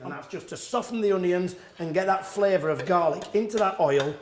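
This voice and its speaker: A man's voice: sits high, a little fast. A man chef giving a chatty cooking demonstration in a kitchen, walking through each step and repeating what he is going to do. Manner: chatty, repetitive "what we're gonna do". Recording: roomy kitchen with frying sounds.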